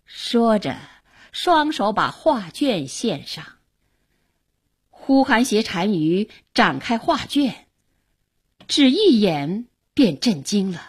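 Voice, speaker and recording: A woman storyteller with a husky, slightly breathy voice performs a classic tale in traditional oral style. She speaks slowly and deliberately, her pitch rising and falling widely with dramatic expression. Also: very animated.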